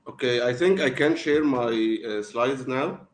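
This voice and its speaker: A man's voice: mid-range voice, unhurried. A man, an orthopedic surgeon, gives brief, polite replies while setting up his slides on an online group video call. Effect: voice heard over an online group video call. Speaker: orthopedic surgeon giving a lecture.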